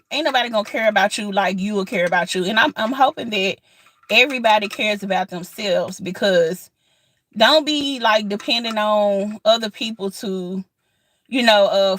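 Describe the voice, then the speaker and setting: Out in the sunlight, a vlogger in her thirties chats casually in a mid-range, slightly bright voice. She's earnest and encouraging, speaking colloquially, repeating herself and using lots of fillers.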